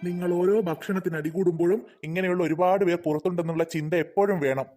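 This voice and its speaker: A man's voice: sits high, fairly even intonation, quick pace, faint music behind, close to an everyday voice. A man voicing a kind father in a cartoon who patiently lectures his children. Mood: gentle. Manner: gentle, preachy, patient. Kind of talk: cartoon voice acting.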